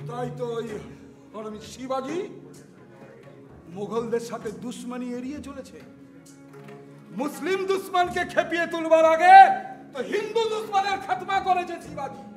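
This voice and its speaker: Man acting a high-pitched, declamatory Mughal commander. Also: moderate pace, pauses often. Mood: scornful, forceful. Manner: declamatory, exclaiming, mixing Hindi-Urdu into Bengali. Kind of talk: historical stage play acting. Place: theatre stage. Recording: echoey stage hall, faint music.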